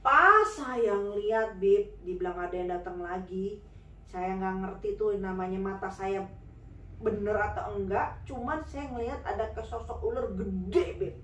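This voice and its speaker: A woman's voice: medium pitch, measured pace, fairly bright tone, distant mic, a little hiss or hum. Chatty woman telling a story, echoey room. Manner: chatty, with many fillers. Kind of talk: casual spoken storytelling.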